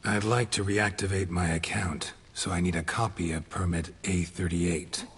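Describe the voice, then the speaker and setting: An actor playing a terse, stoic monster hunter in a video game, clipped and deadpan with dry impatience. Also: male voice, deep voice, normal speed, breathy edge, exaggerated voice. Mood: curt impatience. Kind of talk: scripted video game dialogue.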